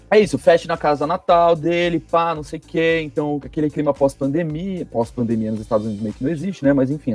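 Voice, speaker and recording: A man's voice: mid-range voice, darkish tone, slightly rough. A Brazilian man hosting a podcast in casual chat full of informal street slang. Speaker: podcast host. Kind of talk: casual chat, presenting a music and news podcast.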